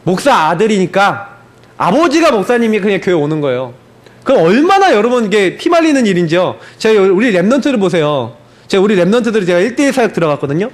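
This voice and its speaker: Emphatic high-voiced man preaching. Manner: emphatic, repeats insistent endings. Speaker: pastor. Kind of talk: sermon.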